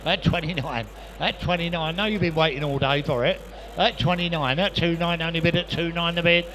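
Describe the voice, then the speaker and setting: Male auctioneer calling bids, higher-pitched. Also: fairly even intonation, fairly quick, fairly bright tone, slight background noise. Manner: repetitive patter of prices and bids. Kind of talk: live auction chant, rapid repeated bid calls. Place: busy auction sale room.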